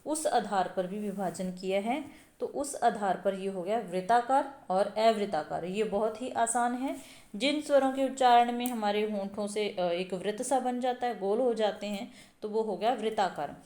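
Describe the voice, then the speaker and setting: A woman's voice: medium pitch, normal speed, mellow, reverberant. A woman teaching an exam-prep lesson, explaining step by step and sounding out vowels aloud. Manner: explanatory, repeats sounds aloud, many fillers.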